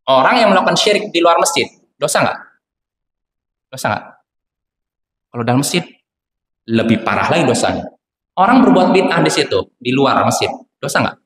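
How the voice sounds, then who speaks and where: In a mosque prayer hall, a male Islamic teacher gives a religious lesson to children, quizzing them with questions constantly. His voice is a little high and a bit bright, very animated, at a moderate pace with frequent pauses. The hall is echoey, with faint ambient noise.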